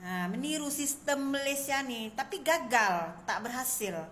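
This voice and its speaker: A woman's voice: high-pitched, expressive, measured pace, fairly bright tone, slight background noise. A woman speaking to the camera in an insistent, lecturing way. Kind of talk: vlog commentary.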